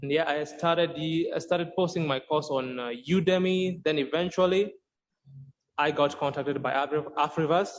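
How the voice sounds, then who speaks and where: A man with a slightly high voice, speaking at a moderate pace, describes in a podcast interview how he teaches Swahili. He created the course he teaches and speaks earnestly, often backing up to restart sentences as he gropes for words. Sound quality is dull and lo-fi with faint noise.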